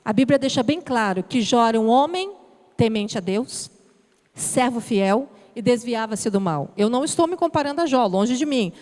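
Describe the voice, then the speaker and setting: A woman's voice: on the high side, expressive, moderate pace, darkish tone. A Brazilian woman preaching a sermon in a church, telling an emotional personal testimony and acting out her prayers. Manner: emotional storytelling with quoted prayers. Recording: church hall reverb.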